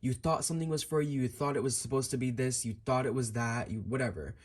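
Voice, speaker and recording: Here a fast-talking man with a mid-range voice offers an off-the-cuff tarot reading addressed directly to the listener. He muses as he goes, circling back to restate and reword his phrases like a fortune teller.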